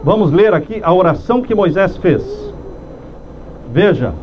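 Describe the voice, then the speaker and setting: A man with a high voice preaches a sermon, slowly and with emphatic pauses, acting out heartfelt prayers. The recording sounds dull and lo-fi, with faint noise behind him. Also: lively intonation. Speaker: pastor.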